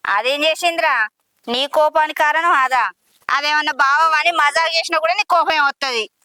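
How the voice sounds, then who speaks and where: A woman's voice: sits high, normal speed, pushed and bright, no room sound. A middle-aged woman with a Telangana Telugu accent playing a village mother who scolds, fusses and reassures her son. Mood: alarmed. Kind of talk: village drama acting.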